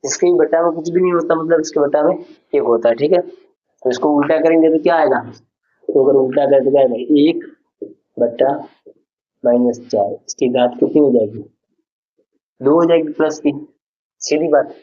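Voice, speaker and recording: A man's voice: on the high side, moderate pace, pauses often, warm tone, breathy edge. A man teaching a school maths lesson, patiently explaining each step and asking the class questions as he goes. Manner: patient, repeats questions to students. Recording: dull lo-fi recording.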